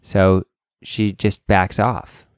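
A man's voice: deep voice, flat delivery, smooth, dry recording. A man co-hosting a podcast, chatting casually and agreeing often. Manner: agreeable, quick affirmations. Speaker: podcast co-host.

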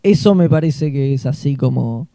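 An Argentine man co-hosts a podcast in loose, casual chat, often repeating words while he thinks. His voice is very dark and gravelly and a little high, recorded close and dry. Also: animated, normal speed, no echo. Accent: Argentine Spanish. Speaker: podcast co-host.

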